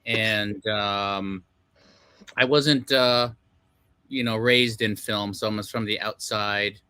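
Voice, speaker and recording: This middle-aged film director from Los Angeles, United States, is a guest on a video call, chatting in a casual interview. His lowish, bright, forceful voice keeps a fairly even intonation and a slow pace. He rambles with many fillers and self-deprecating laughs, and the recording is clean with no echo.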